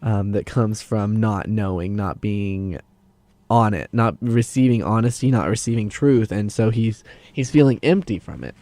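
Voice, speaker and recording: A man's voice: on the low side, moderate pace, dark tone, dry recording. A young man co-hosting a casual podcast. He talks earnestly and hesitantly, often restarting his sentences as he explains. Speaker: podcast co-host. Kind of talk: casual chat.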